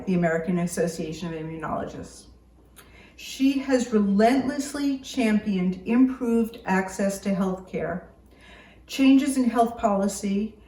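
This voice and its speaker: Woman, formal podium speech, scripted introduction, measured reading, echoing room, far from the microphone. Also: mid-range voice, mellow. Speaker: academic introducing a keynote speaker. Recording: roomy echo, distant microphone.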